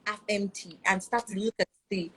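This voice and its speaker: A woman, chatting in a lively, animated way in a casual conversation. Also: mid-range voice, normal speed, breathy edge. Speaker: conversation partner.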